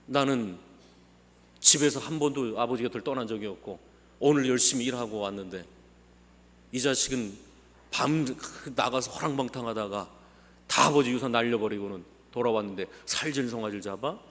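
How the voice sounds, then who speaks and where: A man's voice: mid-range voice, normal speed, close to an everyday voice. A man voicing an angry young older brother who complains that he worked while his brother wasted everything. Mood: bitter. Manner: shouting, indignant complaints. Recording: long church hall reverb.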